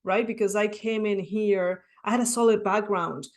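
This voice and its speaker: A woman with a Mexican Spanish accent, from Mexico and speaking English as a second language, guests on a podcast in a conversational interview, telling her story earnestly and reflectively. Her medium-pitched voice keeps fairly even intonation at normal speed, and "right?" comes up often.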